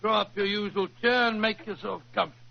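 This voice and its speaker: Doctor Watson, high-voiced genial British storyteller. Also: male voice, steady tone, quick pace, vocal fry. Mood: genial, reminiscing. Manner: avuncular, old-fashioned storyteller. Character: genial older English doctor reminiscing about his detective friend. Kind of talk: 1940s radio drama acting. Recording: dull 1940s radio recording.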